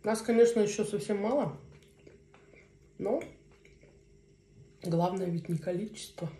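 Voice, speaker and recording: A woman in her thirties chats casually to viewers as a mukbang vlogger, talking in short, unhurried phrases with pauses as she eats. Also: medium pitch, mellow. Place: small indoor room at a table. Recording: roomy echo, faint noise, cutlery clinks. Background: cutlery and dishes.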